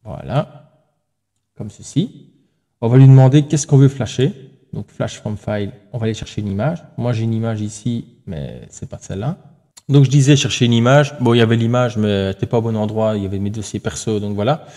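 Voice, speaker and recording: A man's voice: on the low side, fairly quick, mellow. A man hosting a tech tutorial, talking casually through each step on screen, thinking aloud with fillers and self-corrections.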